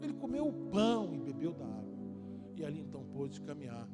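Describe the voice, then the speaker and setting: A pastor preaching a sermon with emphatic repetition, swinging between quiet, intimate asides and loud, rising exhortation. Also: male voice, on the high side, wildly swooping pitch, brisk, loud music behind the voice.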